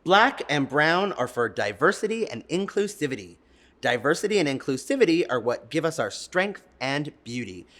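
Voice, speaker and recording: A storytime co-host reads to young children and explains things expressively, stretching words for emphasis and addressing the listeners directly. The voice is mid-range at a moderate pace.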